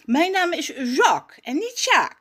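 A woman voices Jacques, a pompous, posh male cousin in a storybook who talks down to others and teases, sounding snooty, condescending, and mocking. She exaggerates, pitching her voice high above her own, with big pitch swings, a fairly bright tone, and an unhurried pace.

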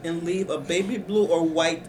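A woman's voice: lowish voice, steady tone, moderate pace. A woman co-hosting a podcast in casual chat, laughing often and joking about herself. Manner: laughing, self-mocking, giggly. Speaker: podcast co-host. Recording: echoey room with some noise.

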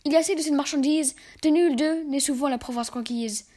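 A woman reciting verse fables in a measured, expressive way. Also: high-pitched. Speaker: reader.

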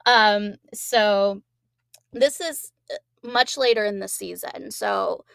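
Gravelly-voiced woman co-hosting a chat podcast. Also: medium pitch, slow, fairly bright tone, no room sound, clean studio sound. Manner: rambling, quotes characters with laughs. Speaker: podcast co-host. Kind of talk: casual chat, recapping episodes.

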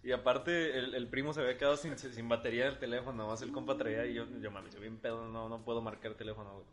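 A young Mexican man rattles through a story at high speed, his voice sitting at an ordinary middle pitch. He talks in casual slang and keeps the tale rolling for his friends. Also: fairly even intonation. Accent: Mexican Spanish. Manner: fast, slangy, laughing anecdote telling. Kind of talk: casual chat.

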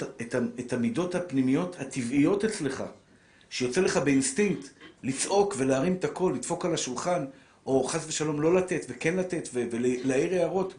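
Animated preaching man, echoey room. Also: on the high side. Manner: animated, preacherly, swings from soft to raised. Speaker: rabbi lecturer. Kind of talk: religious lecture on marriage.

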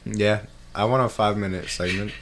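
Young male co-host, very low voice, slangy and profane, clear clatter of dishes behind. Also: fairly even intonation, fairly quick, very noisy. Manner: slangy, swears a lot, teasing. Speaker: podcast co-host. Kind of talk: casual chat.

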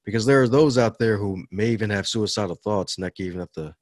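An upbeat man from Baltimore talks as a guest on a podcast interview. His voice sits a little low, and the sound is close and dry with no room around it. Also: fast, no echo. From Baltimore, USA. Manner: upbeat, laughs often. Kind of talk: casual interview talk.

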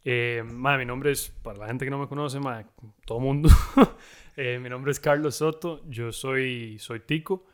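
A Costa Rican man in his thirties, telling stories as a guest in a relaxed chat, saying "mae" often. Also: mid-range voice, measured pace. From Costa Rica. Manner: relaxed, says "mae" constantly, storytelling. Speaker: guest, tequila brand founder. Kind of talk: casual podcast chat.

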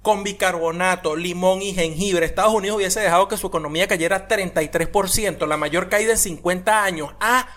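Loud joking man. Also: high-pitched, brisk, few pauses. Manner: loud, swearing, joking storyteller. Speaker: podcast co-host. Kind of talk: casual chat. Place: apartment room with window open.

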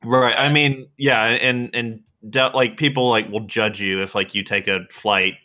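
A man's voice: medium pitch, steady tone, a little slow, sharp tone. A young man co-hosting a casual podcast, rambling with lots of fillers and laughing often. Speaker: podcast co-host. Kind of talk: casual chat.

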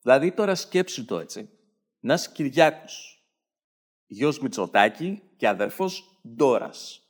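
A man's voice: mid-range voice, sing-song. A man with a Greek accent delivering a sarcastic satirical stand-up monologue. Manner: sarcastic, mocking, slips into mimicked voices. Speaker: satirical comedian.

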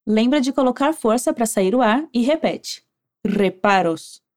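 A woman with a Brazilian Portuguese accent teaching Spanish, giving clear, encouraging instructions and modeling phrases slowly for the listener to repeat. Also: on the high side, darkish tone. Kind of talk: language lesson narration with repeat drills.

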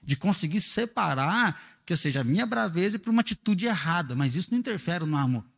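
A man's voice: sits high, expressive, brisk, vocal fry, big-room sound. A father speaking in a conversational teaching talk, earnest and explanatory, often asking rhetorical questions. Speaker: father and church speaker on parenting.

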